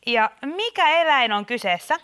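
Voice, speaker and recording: A woman's voice: high-pitched, sing-song, clear, resonant tone, exaggerated voice. A woman playing an exasperated radio quiz host who keeps catching her mother on the line. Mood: chirpy. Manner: bright presenter patter, scolding. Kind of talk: radio comedy sketch.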